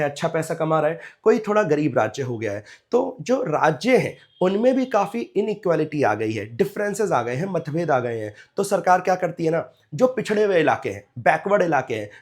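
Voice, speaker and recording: A man's voice: fairly high pitch, lively intonation, a little fast, hardly any pauses. Chatty man teaching economics. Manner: chatty, coaxing, mixes English terms into Hindi. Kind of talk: online exam-prep lecture.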